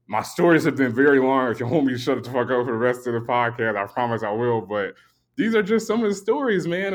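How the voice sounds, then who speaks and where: A sleepy man hosts a podcast and tells a long story in a loose, animated way. He swears freely and plays out both sides of a conversation in his own voice. His pitch sits in an ordinary middle range. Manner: animated, profane, acts out both sides of the exchange. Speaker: podcast host. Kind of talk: casual storytelling.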